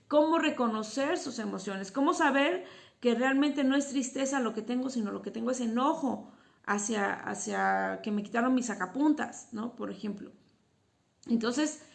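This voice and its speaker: Gravelly-voiced woman teaching about emotions. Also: high voice. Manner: explanatory, with rhetorical questions. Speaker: psychotherapist and teacher. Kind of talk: informal educational talk to parents.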